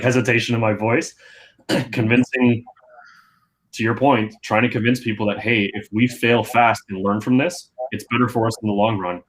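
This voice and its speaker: A man's voice: mid-range voice, low-quality recording. A man speaking earnestly as a guest in a casual panel discussion.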